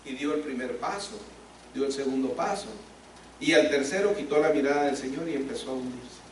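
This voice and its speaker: A man's voice: medium pitch, fairly quick, slight background noise. A man preaching a sermon, pressing his points with rhetorical questions. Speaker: pastor. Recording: echoey hall, speaker far from mic.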